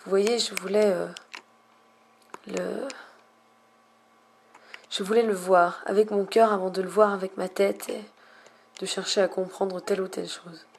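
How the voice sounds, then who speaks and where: A young woman speaking low and hushed, at times near a whisper, narrating a game in florid, hesitant phrases. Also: fairly even intonation, measured pace, vocal fry, pauses often, slight background noise. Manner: lyrical, florid wording with many hesitations. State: slight cough lately. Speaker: video game player narrating own recording. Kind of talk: hushed late-night game commentary.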